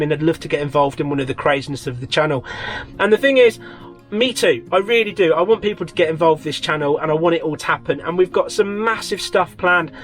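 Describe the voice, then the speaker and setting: High-pitched British man vlogging inside a small trailer. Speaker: motorcycle channel host. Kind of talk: casual vlog chat to camera.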